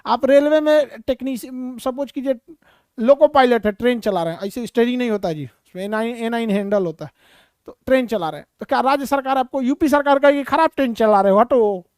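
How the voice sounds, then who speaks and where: A woman lectures a live class in a high, ringing voice. She fires off questions and answers them herself, with teasing, scolding asides. The sound is close and dry, with no room echo. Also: fairly quick, darkish tone, clear, resonant tone. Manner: rhetorical questions answered aloud. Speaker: teacher.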